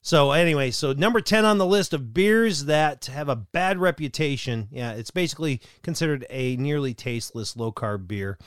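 A man co-hosting a casual chat show, telling stories in a joking way with quick asides. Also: on the high side, animated, clear, resonant tone, dry recording, studio quality. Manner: jokey storytelling, quick asides and laughs. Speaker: co-host.

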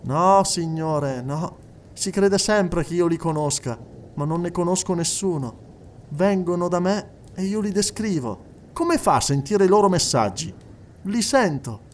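A man's voice: sits high, animated, unhurried, a little hiss or hum, voice pushed up. A man voicing a serious woman medium. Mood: earnest. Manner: plain, earnest, a little distant.

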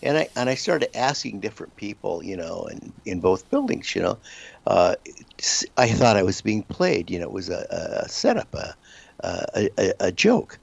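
A man's voice: sits low, very animated, normal speed, creaky, breathy edge, no echo. A man from the United States, a guest author telling a personal story in a radio interview, rambling and restarting his sentences often. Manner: rambling, with frequent restarts and repeated words. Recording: dull lo-fi sound.

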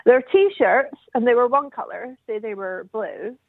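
A woman's voice: a little high, normal speed, dry recording. A woman phoning in to a radio show, heard over the phone, chatting casually and explaining things at rambling length. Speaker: caller. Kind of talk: casual call-in chat. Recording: tinny dry phone line.

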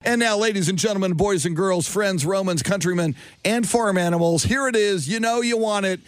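High-pitched man making a grand entrance announcement. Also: brisk, soft background music. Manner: mock-grandiose showman delivery. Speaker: radio show co-host. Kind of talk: grand entrance announcement, show-opener patter.

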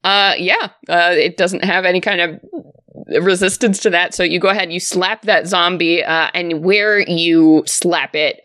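Woman, lowish pitch, game master, improvised tabletop narration, dry close sound. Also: fairly bright tone, no echo.

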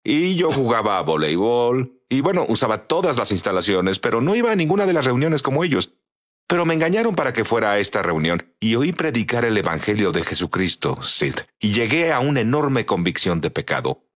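A man's voice: mid-range voice, sing-song, fairly quick, a bit bright. A middle-aged man telling his story in earnest as a guest on an interview show. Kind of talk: dubbed testimony interview.

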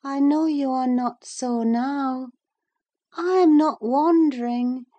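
This muffled recording has a woman reading a classic novel aloud, taking the part of a young married woman who is delirious and scared, fretful, pleading and given to gasping cries. She pitches her mellow voice higher than her own and speaks slowly, sounding feverish and wandering.

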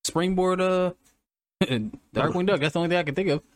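A man's voice: high voice, normal speed, no room sound. A man co-hosting a casual podcast, hesitant and searching for words. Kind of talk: casual chat.

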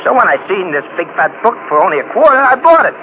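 An actor playing a dim-witted, good-natured cab driver with rough, slangy New talk who mangles big words, in 1940s radio comedy style. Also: male voice, high voice, sing-song, fast talker. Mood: dopey. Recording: muffled old radio broadcast with hiss.

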